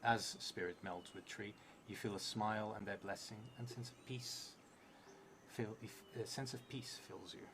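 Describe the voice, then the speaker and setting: A lowish-voiced man in his thirties streams a solo tabletop roleplay game, reading out prompts and reasoning aloud. English is his third language, not his first, so he halts and mutters while writing, though his reading aloud comes through more clearly. Noise is plain throughout the stream audio.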